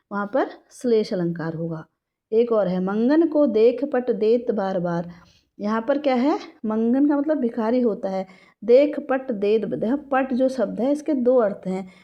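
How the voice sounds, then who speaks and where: A woman teaches a grammar lesson to a class. Her voice sits a little high but stays mellow and soft-edged. She keeps asking the class questions and answering them herself, and reads verse lines slowly. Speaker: Hindi teacher.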